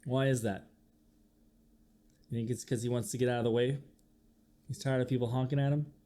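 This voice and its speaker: A man with a medium-pitched voice reads a children's picture book at a brisk clip, teacher-style. His delivery is expressive and animated, with sound effects acted out and questions put to the young audience.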